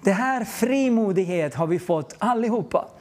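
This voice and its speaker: A man's voice: sits high, expressive, darkish tone. A man preaching, telling a personal testimony in an earnest, storytelling way and acting out the dialogue. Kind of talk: testimony sermon.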